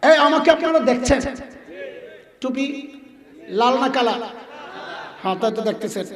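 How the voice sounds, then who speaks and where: A man's voice: very high voice, expressive, measured pace, fairly bright tone. A man preaching an Islamic sermon to a crowd, quizzing the audience call-and-response style and acting out voices. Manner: acts out voices in quotes. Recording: echoey hall from far off.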